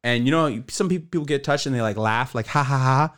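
Male co-host with a slight lisp, mid-pitched, loose rambling delivery, casual podcast talk. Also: brisk, a bit bright. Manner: loose, rambling, lots of "bro" and "like". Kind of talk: casual chat.

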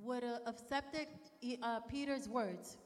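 A woman with a high voice interprets a sermon live into English, phrase by phrase. She follows the preacher's rises and hushes. Her words ring out in a long church reverb. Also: slow. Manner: follows the preacher's tone, with small restarts.

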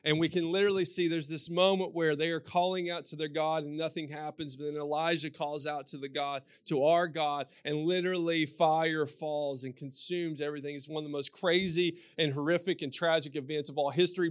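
A man's voice: on the high side, fairly even intonation, normal speed, clear, resonant tone. A man with a Kentucky accent preaching as a pastor, telling scripture stories and repeating phrases for emphasis. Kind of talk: sermon with scripture storytelling.

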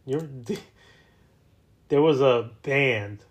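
A man's voice: mid-range voice, drawn-out words. A man in his thirties from New Jersey, co-hosting a podcast and telling a rambling, jokey story in casual chat. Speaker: podcast co-host.

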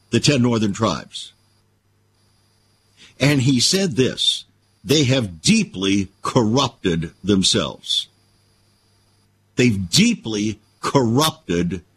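Man, radio host, bible commentary, preachy, rhetorical questions, lively pitch. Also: slightly rough.

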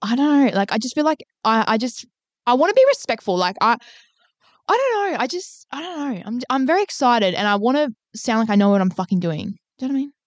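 A woman's voice: a little high, big pitch swings, dry recording. Rambling woman podcast co-host, dry studio. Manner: rambling, halting, lots of fillers and swearing. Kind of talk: casual chat. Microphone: studio microphone.

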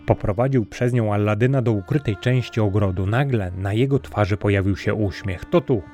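A man narrating a fairy tale in a calm, measured storybook style. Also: on the low side, faint music behind.

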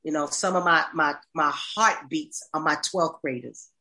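A woman in her fifties with a notably low voice hosts a call-in talk as pastor. She speaks affectionately to her listeners, rambling through long sentences and restarting her words often. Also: a little slow, sharp tone, low-quality recording. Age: 50s. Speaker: pastor and host.

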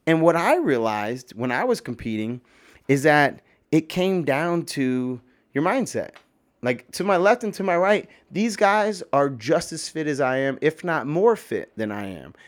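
A man with a slightly hoarse voice rambles through a casual opinion monologue packed with fillers, emphatic bursts, and swearing. His voice is a little high with big pitch swings, and he speaks a little slowly.

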